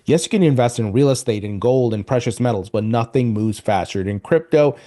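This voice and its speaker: A crypto news host gives casual, upbeat commentary to camera, often calling his viewers "guys". His mid-range voice has a dark tone, and he talks a little fast.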